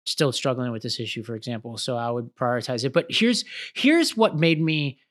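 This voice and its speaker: Male podcast co-host, animated and storytelling, casual with lots of fillers. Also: mid-range voice, moderate pace. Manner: animated, explains with stories, many fillers.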